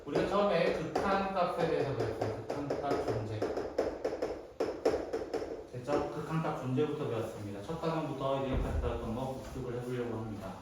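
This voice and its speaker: A man's voice: medium pitch, lively intonation, a little fast, over loud music. A man teaching a math class, reviewing step by step and answering his own questions. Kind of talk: classroom lecture. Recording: echoey classroom from far off, faint noise.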